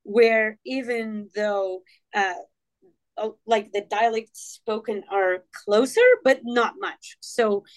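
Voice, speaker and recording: Moroccan-born woman guest, Tamazight first language, halting with lots of ums. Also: medium pitch, fairly even intonation. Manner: hesitant, many fillers and restarts. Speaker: podcast guest. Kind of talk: casual interview talk.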